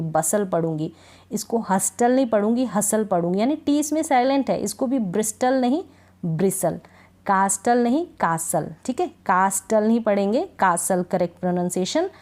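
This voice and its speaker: A woman with an ordinary mid-range voice teaches a phonics lesson in Hindi. She drills word after word at a slow, patient pace and keeps checking that her learners have followed. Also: mid-range voice, warm tone. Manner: slow, repetitive drilling of words, frequent "thik hai" check-ins. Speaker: English reading teacher.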